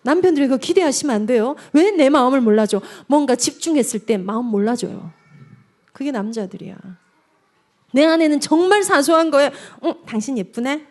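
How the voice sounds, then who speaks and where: Woman evangelist for a parent seminar talk: high voice, very animated delivery, engages the room directly. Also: fairly quick. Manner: animated, addresses the audience directly, acts out quotes. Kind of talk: lively seminar lecture.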